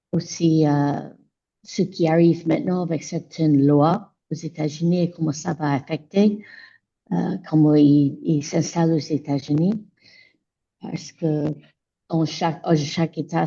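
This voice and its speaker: A woman with a low, mellow voice and an American accent introduces herself in measured, non-native phrasing. The call audio is dull and muffled. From Ohio, United States. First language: English. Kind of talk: self-introduction at an online meeting.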